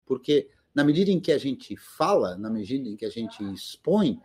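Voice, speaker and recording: Husky man speaking with passion. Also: medium pitch, very animated, normal speed, darkish tone. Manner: emphatic and impassioned. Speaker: guest panelist. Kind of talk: casual live-stream discussion.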